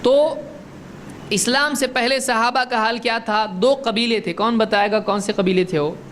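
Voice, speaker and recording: A man giving a religious lesson. He asks his listeners questions, answers them himself, and recites Arabic verses slowly. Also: very high-pitched, steady tone, fairly bright tone, a little hiss or hum. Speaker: Islamic religious teacher. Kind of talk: religious lecture.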